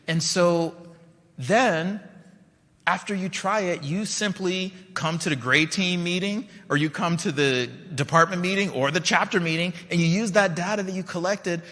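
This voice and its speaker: In a large conference hall, a man in his forties who grew up in Liberia delivers a conversational keynote, often checking in with his audience. His voice is a little high and a bit bright.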